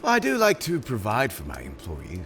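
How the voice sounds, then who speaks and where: Performing in full character voice, this man takes on a smug, urbane supervillain sizing up a would-be minion for an ASMR roleplay. His pitch is fairly low but swings hugely, his tone a bit bright and his pace normal. The manner is courteous, theatrical, emphatic, smug and businesslike, with a little hiss or hum on the recording.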